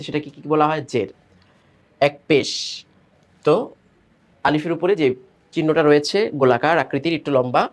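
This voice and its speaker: Higher-pitched man teaching Quran reading. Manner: explains patiently, asks and answers his own questions; chants letter drills in a firm rhythm. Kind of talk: step-by-step recitation lesson.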